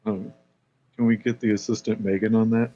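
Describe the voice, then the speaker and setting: A man's voice: fairly low pitch, level tone, brisk, dark tone, highs cut off. A man playing in a tabletop game, who makes joking remarks and laughs at his own asides. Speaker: player. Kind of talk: casual tabletop role-play.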